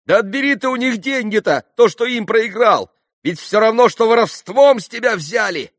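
A man voicing a blustering middle-aged innkeeper who scolds loudly. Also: high-pitched, normal speed, no room sound, studio quality, pitched above the performer's own voice. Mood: urging. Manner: loud, scolding.

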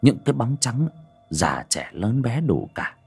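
A man's voice: medium pitch, big pitch swings, measured pace, darkish tone, slightly rough, soft background music. A man narrating a horror story in a dramatic, vivid storytelling manner. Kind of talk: scripted storytelling.

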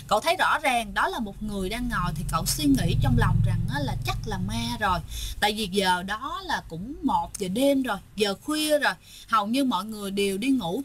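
Lady telling a spooky story, chatty, keeps talking to listeners, bit high voice. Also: fairly bright tone, husky. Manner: chatty, addresses listeners often. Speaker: ghost story narrator.

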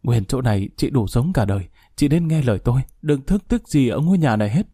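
A man's voice: mid-range voice, expressive, fairly quick, warm tone, husky, no echo, clean studio sound. A man voicing an old henchman, urgent and pleading.

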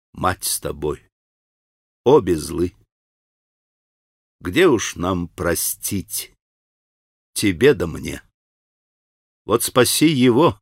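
A man's voice: deep voice, no room sound, studio quality, voice pushed down. A man voicing Grushenka, a venomous proud woman.

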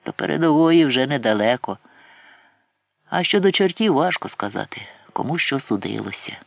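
A male reader gives voice to a kindly older soldier with grey stubble, speaking mildly and with soft reproach. The voice sits close and dry, and its pitch moves in a lively way. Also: moderate pace, gravelly, dry recording. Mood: gentle, reproachful.

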